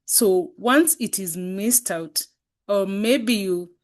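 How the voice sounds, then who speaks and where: Slow, earnest woman hosting. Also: mid-range voice. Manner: earnest, exhortative, rhetorical questions. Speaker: meeting host. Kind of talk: reflective meeting address. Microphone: video call.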